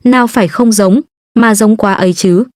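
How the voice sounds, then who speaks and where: A woman's voice: mid-range voice, normal speed, darkish tone, dry recording, studio quality, close to an everyday voice. Storybook role: woman reading a deferential, earnest young guard. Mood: respectful. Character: loyal young male guard, earnest and respectful.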